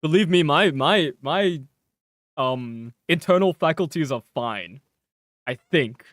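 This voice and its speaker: Animated, swearing young male streamer. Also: a little high, takes it slowly, dry recording, studio quality. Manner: rambling, swears freely, laughs at himself. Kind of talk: casual gameplay stream chat.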